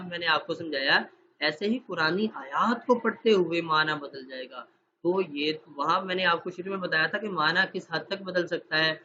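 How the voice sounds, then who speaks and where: A man teaching an online Quran recitation class with a dry throat from fasting. He explains through examples and asks his students questions. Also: high voice, pushed and bright. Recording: dull, slightly noisy online call audio.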